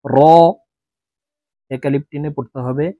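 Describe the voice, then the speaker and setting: A man teaching Arabic letters for Quran reading, explaining each sound and then chanting the letter names long and slow for students to repeat. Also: mid-range voice, no echo, phone-quality sound. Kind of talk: recitation lesson.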